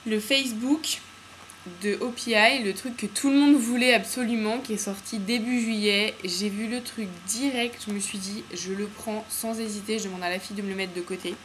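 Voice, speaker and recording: A woman's voice: mid-range voice, steady tone, moderate pace, a bit bright, slight background noise. A woman chatting casually and enthusiastically in a home video, full of fillers and slang. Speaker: beauty vlogger. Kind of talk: casual nail polish haul chat. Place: home room with windows open to the street.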